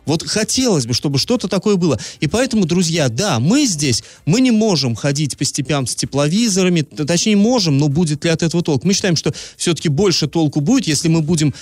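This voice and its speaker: A man's voice: a little high, expressive, fairly quick, hardly any pauses, dry recording. A man hosting a morning radio show, talking casually with wry asides and rephrasing as he goes. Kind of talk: casual live radio talk with news and sponsor reads. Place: radio studio.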